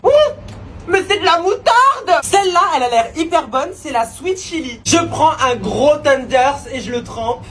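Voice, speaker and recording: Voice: high voice, moderate pace, few pauses, a little hiss or hum. A vlogger from France talking to camera in a casual, dramatic, chatty way. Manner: expressive, dramatic reactions, chatty. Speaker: social media creator. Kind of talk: casual vlog narration to camera.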